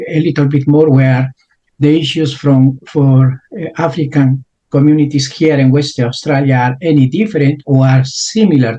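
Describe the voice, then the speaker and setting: A man's voice: medium pitch, mellow, highs cut off. A man hosting an interview, asking long questions with many restarts and fillers. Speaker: interview host.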